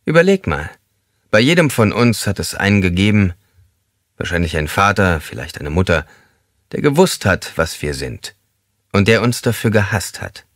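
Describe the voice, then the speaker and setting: A man's voice: deep voice, very animated, normal speed, fairly bright tone, no echo, studio quality. A man voicing a hardened, cynical male career criminal in an audiobook. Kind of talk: audiobook character voice.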